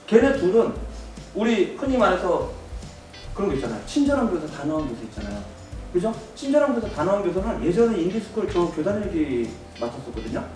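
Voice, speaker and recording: A man lecturing teachers in a large echoing basement hall, heard from a distance with faint music behind him. His pitch leaps and falls as he acts out quick dialogues. He fires questions at his audience. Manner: animated, acts out students and teachers in quick voices, asks the room questions. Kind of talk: lively workshop lecture with acted student quotes.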